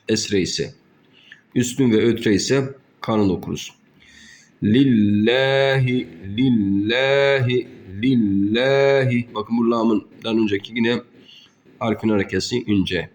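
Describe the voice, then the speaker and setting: A man teaching Quran reading, drawing out each word slowly between quick explanations. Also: fairly low pitch, darkish tone. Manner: slow drawn-out recitation between quick explanations. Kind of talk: recitation lesson.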